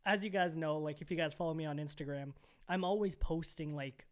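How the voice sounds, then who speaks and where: Animated young man telling a story. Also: on the high side, fairly quick. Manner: animated storyteller, heavy on "like" and "bro". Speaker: podcast co-host. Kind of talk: casual chat.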